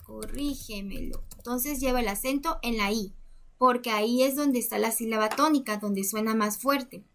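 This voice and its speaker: A woman's voice: fairly high pitch, moderate pace, a bit bright. A woman explaining a grammar lesson as a teacher, methodically counting syllables step by step.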